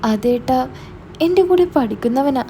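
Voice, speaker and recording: A woman's voice: high voice, lively intonation, normal speed, dark tone, a little hiss or hum. A frightened stammering teenage girl, voiced by a woman. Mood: scared pleading. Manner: hesitant, stammering. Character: teenage girl, younger sister, scared and pleading.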